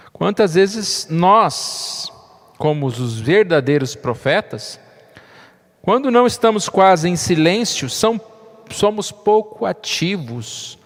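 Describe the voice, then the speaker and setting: Male pastor, fairly high voice, conversational sermon with light jokes, long church reverb. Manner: conversational, frequent tag questions, light humor.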